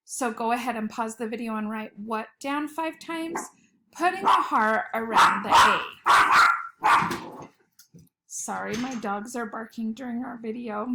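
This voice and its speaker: A woman's voice: on the high side, a bit bright. A woman teacher giving a recorded spelling lesson from home, patiently sounding out letters and words. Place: home at night.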